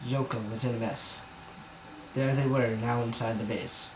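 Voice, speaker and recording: Sitting in his bedroom with a camera mic, an amateur reader performs a comic dramatic reading of fan fiction. He rambles, sounds self-conscious and keeps stumbling, though his medium-pitched voice has fairly even intonation and a moderate pace. The room echoes and there's background noise.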